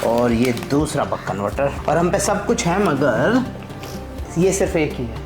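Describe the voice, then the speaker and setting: With clear music in the background, a dad who hosts a vlog chats casually about his hands-on project. His mid-range voice has a sing-song lilt and a measured pace as he explains things.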